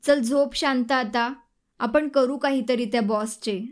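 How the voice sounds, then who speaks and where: A woman voicing a caring young husband in an audiobook, gentle and coaxing. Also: sits high, measured pace. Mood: soothing. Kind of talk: audiobook dialogue reading.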